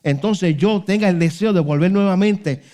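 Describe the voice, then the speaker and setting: Brief: male pastor, high voice, fervent sermon, rhetorical questions, constant "hermano". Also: normal speed, dark tone. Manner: fervent preaching, constant "hermano" and "aleluya" interjections; rhetorical questions, voice rises and falls sharply.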